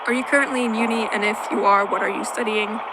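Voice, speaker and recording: Heavy background noise surrounds this native Finnish-speaking young YouTuber as she quickly answers viewer questions in a steady, medium-pitched voice. The Q&A vlog voice-over has a dry, self-deprecating humor.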